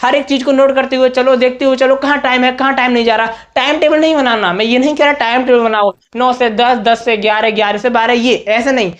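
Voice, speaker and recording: A young man with a very high, level, slightly bright voice teaches students at a whiteboard, speaking fast with few pauses. His study-tips lesson has a direct, coaching tone, and he keeps checking in with "okay" and "theek hai." The sound is lo-fi.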